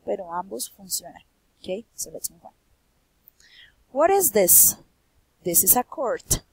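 A woman's voice: mid-range voice, darkish tone, slightly rough, dry recording, poor audio. A young woman from Colombia with a Bogotá accent, teaching city vocabulary in English and then explaining it again in Spanish, with her voice rising on each quiz question. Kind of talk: bilingual vocabulary lesson.

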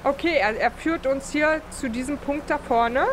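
A woman's voice: sits high, moderate pace, noisy background. A woman hosting a let's play, giving casual gameplay commentary and thinking aloud with fillers.

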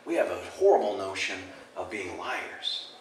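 A man preaching a sermon, animated and given to self-deprecating humor. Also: low voice, moderate pace, a little hiss or hum. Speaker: pastor. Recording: echoey church hall, mic at a distance.

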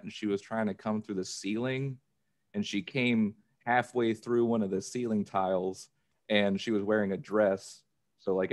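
On a podcast, an American man with a lowish, slightly mellow voice chats casually, easygoing and full of anecdotes. He joins by remote video call from an indoor room.

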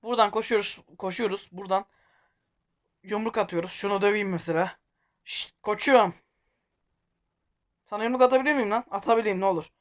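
A man's voice: high voice, fairly quick, pauses often, fairly bright tone, highs cut off. A man hosting a casual let's-play, rambling, joking and correcting himself as he goes. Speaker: gaming video host.

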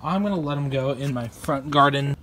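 A man's voice: mid-range voice, brisk, fairly bright tone. A young man narrating a wildlife vlog in the field, talking casually and enthusiastically into a handheld phone. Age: young adult. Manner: informal, enthusiastic, addresses animals as buddy. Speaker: wildlife vlogger. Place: outdoors in woods and by ponds. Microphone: handheld phone at arm's length. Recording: outdoor handheld recording with background noise.

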